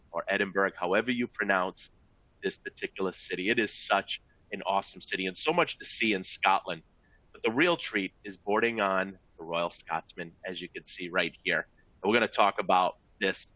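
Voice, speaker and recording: A man's voice: sits low, moderate pace, bright, forceful tone, dry recording, poor audio. Upbeat man giving a sales presentation. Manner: upbeat salesy, addresses listeners as folks. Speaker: travel company presenter. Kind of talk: sales presentation to travel advisors.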